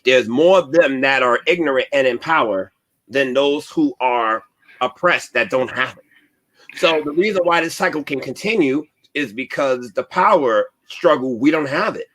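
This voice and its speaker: A man's voice: medium pitch, animated, normal speed, a bit bright. A man hosting a radio talk show, talking in an earnest, searching way with frequent restarts. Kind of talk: casual radio discussion.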